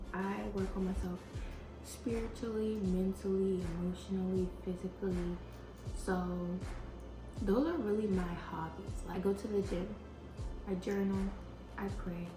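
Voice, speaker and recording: Young woman chatting casually in an echoey room. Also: mid-range voice. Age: young adult. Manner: informal slangy, muses aloud with rhetorical questions. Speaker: YouTuber. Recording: roomy echo, music behind. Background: music.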